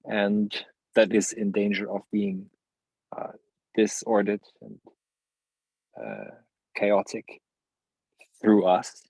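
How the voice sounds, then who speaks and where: Husky guy thinking out loud, lots of restarts, dead dry sound. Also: on the low side, level tone, no echo, poor audio. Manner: searching, halting phrasing with many restarts and laughs. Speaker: podcast guest, philosopher. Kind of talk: reflective interview conversation.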